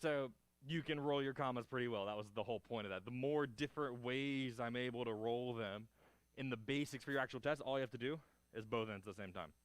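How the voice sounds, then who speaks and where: Low-voiced man teaching a karate class. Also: fairly quick, dry recording. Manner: short clipped cues and counts between encouraging feedback. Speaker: martial arts instructor. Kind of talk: hands-on karate class instruction, demonstrating moves aloud.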